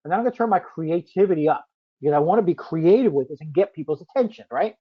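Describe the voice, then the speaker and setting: A man's voice: on the high side, lively intonation, quick pace, breathy edge. A man leading a live webinar product demo in a chatty way, often tagging his points with "right?" and answering viewers by name. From United States. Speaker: software demo presenter. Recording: muffled lo-fi audio.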